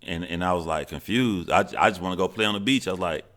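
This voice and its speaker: A man in his forties speaks in a very low voice. He tells a personal story candidly, with halting starts and a steady, earnest tone. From Georgia, USA. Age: 40s.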